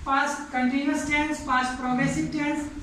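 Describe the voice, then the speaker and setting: A woman with an Indian English accent teaches grammar in a classroom, her high voice measured and unhurried. She is heard from a distance in a very echoey room with faint background noise. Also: flat delivery, fairly bright tone. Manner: explains slowly in English, fast in Hindi.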